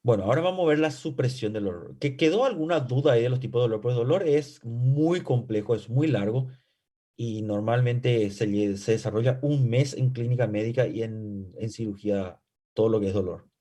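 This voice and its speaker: A man's voice: mid-range voice, brisk, warm tone. Man lecturing, checks understanding constantly. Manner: asks himself rhetorical questions and checks understanding with "¿ya?"; briefly acts out patient and doctor dialogue. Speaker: medical physiology lecturer. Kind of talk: classroom lecture.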